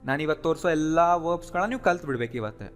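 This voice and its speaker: A man with a fairly high voice teaches a lesson, explaining each point step by step and often checking in with the listener. He slows down to drill word lists clearly, one word at a time. Faint music plays under his voice. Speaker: English teacher. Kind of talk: spoken English lesson.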